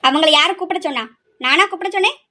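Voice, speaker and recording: A woman's voice: very high-pitched, quick pace, pushed and bright. A woman voicing a furious young woman who refuses an arranged marriage, snapping and threatening. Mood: angry. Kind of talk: amateur family drama.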